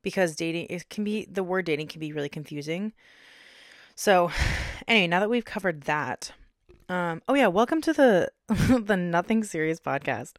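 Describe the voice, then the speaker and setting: A young woman hosting her own podcast in casual chat, dramatic and quick to take back what she just said, swinging between soft and loud. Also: lowish voice, dry recording, clean studio sound. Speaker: podcast host. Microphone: home podcast mic.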